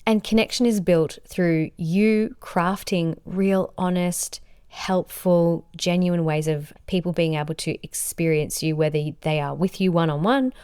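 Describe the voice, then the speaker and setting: A woman's voice: on the low side, unhurried, few pauses, darkish tone, clean tone, no echo, studio quality. A woman, a business coach hosting a solo podcast. She talks in an upbeat, emphatic way and stacks words into lists. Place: sitting on a bed.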